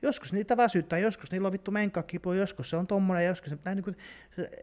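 A man hosting a podcast, chatting casually and swearing heavily as he talks. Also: high voice. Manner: heavy swearing, animated. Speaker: podcast host, bodybuilding coach.

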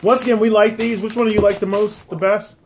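Higher-voiced American man chatting casually. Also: level tone, fast talker, soft background music. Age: middle-aged. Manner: repeats phrases as he goes. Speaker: food review host. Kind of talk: casual chat. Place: small room indoors, at a table. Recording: clear background noise and clicks.

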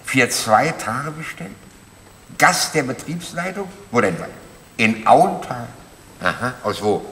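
An older actor playing a stubborn, meddling retired man near seventy in a stage comedy, talking in an animated, sputtering way. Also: medium pitch, takes it slowly. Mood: scheming. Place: theater stage. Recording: echoey theater stage with audience laughter. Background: audience laughter.

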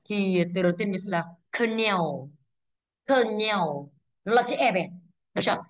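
Over poor audio, a young woman with a medium-pitched voice teaches English, moving briskly through exam answers. She asks the class questions and then answers them herself.

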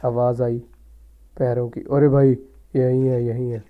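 A man's voice: medium pitch, level tone, a little slow, narrow, tinny audio. A man with a sore throat, muttering casual gameplay commentary as he plays and taunts the game character. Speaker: gaming YouTuber.

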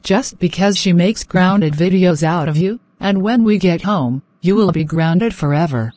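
A woman's voice: on the low side, unhurried, warm tone, no echo. A synthetic woman's voice playing a stern, scolding mother in an amateur cartoon, with stilted text-to-speech delivery. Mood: angry. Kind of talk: text-to-speech animated dialogue.

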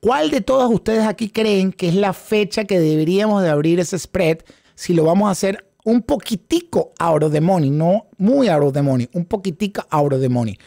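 High-voiced man teaching live, dry close mic. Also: lively intonation, moderate pace, creaky, warm tone, no echo. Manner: repeats phrases for emphasis; mixes English terms into Spanish. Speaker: instructor in options trading. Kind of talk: live online class, explaining and quizzing viewers. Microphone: close studio microphone on a desk setup.

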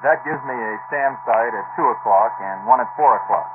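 A man speaking as a pilot in a scripted 1960s training film, formally reciting procedure, heard through low-quality old film audio. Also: normal speed. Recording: tinny, hissy old film soundtrack with hum.

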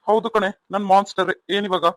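A man's voice: high-pitched, steady tone, fairly quick, fairly bright tone. A man voicing a stern, impatient young husband in a cartoon, with a bossy, scolding manner. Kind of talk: cartoon voice acting.

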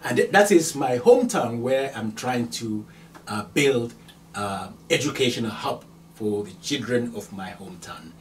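An older man with a Nigerian accent teaching a language lesson, repeating phrases slowly and with emphasis, filmed indoors by a whiteboard. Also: mid-range voice, animated, far from the mic, slight background noise. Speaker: Arabic teacher. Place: small indoor room by a whiteboard.

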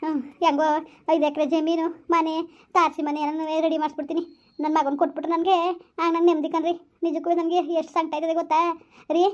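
High-pitched anxious village wife played by a woman, flat and quick, dull lo-fi audio. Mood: pleading. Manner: pleading, repetitive, emotional. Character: anxious village wife longing for her lost son. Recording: dull lo-fi recording.

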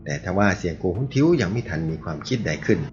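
A man narrating a martial arts novel aloud in a steady storytelling read, with faint music behind him on a dull, lo-fi recording. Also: fairly low pitch, fast.

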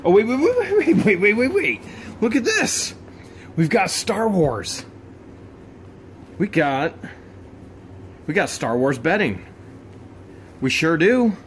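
Male vlogger, unhurried casual delivery with excitable high-pitched outbursts; faint background hiss. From United States. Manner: excitable, bursts into high exclamations over finds. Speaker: storage unit reseller vlogger. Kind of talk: casual unboxing narration.

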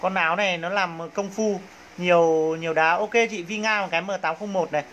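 A man's voice: high-pitched, fairly even intonation, a little fast, a bit bright, dull audio. A man with a Northern Vietnamese accent hosts a live clothing sale. He talks like a practised salesman, hyping the goods and coaxing viewers along. There is faint background noise on the phone livestream.

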